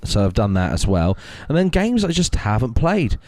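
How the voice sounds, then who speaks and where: A man's voice: fairly low pitch, big pitch swings, normal speed, darkish tone, no echo. A young man co-hosting a podcast in casual chat, laid-back and swearing freely. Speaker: podcast co-host.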